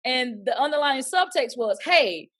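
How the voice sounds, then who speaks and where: An actress appears as a guest in a casual interview, telling lively stories and acting out the voices of people she quotes. She speaks fairly quickly at a medium pitch.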